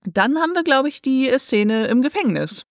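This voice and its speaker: A woman casually retelling the scenes of a drama series in an animated way, quoting what the characters say. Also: sits high, normal speed, no room sound, clean studio sound. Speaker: podcast co-host recapping a drama series. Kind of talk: casual chat.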